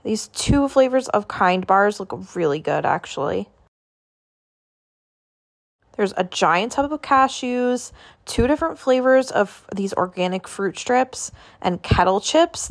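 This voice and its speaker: Here a medium-pitched woman with vocal fry speaks expressively at a moderate pace. She vlogs a relaxed grocery run on her phone, chatting about products and listing prices as she goes.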